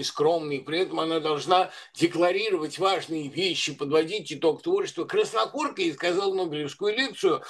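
A man with a high-pitched voice talks at length in a discursive, conversational way. He pauses often with filler sounds and restarts his sentences as he goes. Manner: discursive, many hesitations and restarts. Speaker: guest commentator. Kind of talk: conversational commentary.

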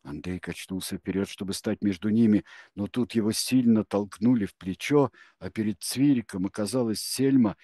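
A man narrating a novel in a low voice, reading with tense drama. The recording is dry and close, with no room around him. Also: moderate pace, few pauses, warm tone, dry recording. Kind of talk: audiobook narration.

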